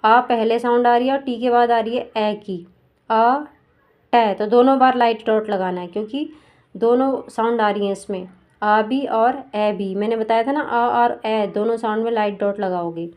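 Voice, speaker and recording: Higher-pitched woman teaching by sounding out words. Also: steady tone, a little mellow. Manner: slowly sounds out words syllable by syllable; asks the viewer questions as she teaches. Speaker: shorthand teacher. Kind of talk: step-by-step lesson explanation.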